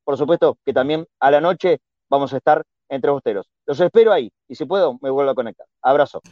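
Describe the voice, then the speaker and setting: A man's voice: medium pitch, fast, a little mellow, dry recording. Earnest Argentine man, dull dry sound. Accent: Argentine Spanish. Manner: earnest, repeats himself. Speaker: radio host asking for donations.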